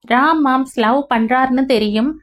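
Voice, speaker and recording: A woman's voice: high-pitched, normal speed, voice pushed up, close to an everyday voice. A woman reading the part of a playful young wife who teases her husband, voice raised above her narration. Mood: teasing. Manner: teasing, affectionate.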